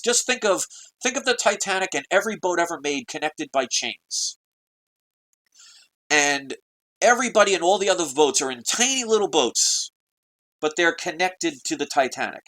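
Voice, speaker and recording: A man's voice: on the high side, fairly bright tone, rough recording. A man delivering an urgent, preachy video monologue to his viewers, full of rhetorical questions. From United States. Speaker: political video blogger. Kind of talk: ranting monologue to camera.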